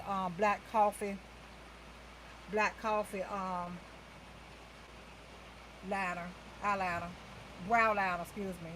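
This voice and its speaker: A woman's voice: mid-range voice, slight background noise, poor audio. A woman hosting a casual makeup livestream from indoors at home, chatting with viewers and calling them y'all. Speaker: talk show host doing a makeup livestream.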